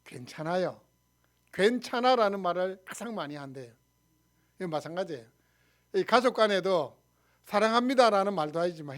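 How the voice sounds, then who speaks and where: A man with a Gyeongsang accent, a pastor preaching a sermon, who asks the congregation questions and answers them himself. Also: a little high. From Gyeongsang region, Korea. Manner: animated preaching, acts out shouted quarrels in dialect.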